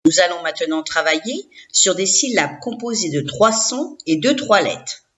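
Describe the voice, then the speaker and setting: A woman's voice: fairly low pitch, expressive, moderate pace, fairly bright tone. A woman teacher giving a recorded reading lesson to young children, sounding out syllables one by one and having the listener repeat them.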